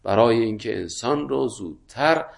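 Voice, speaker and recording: A man with an Iranian Persian accent, stuffed up with a cold, teaches religious philosophy in a halting, deliberate lecture, reading and explaining a classical text. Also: mid-range voice, expressive, vocal fry.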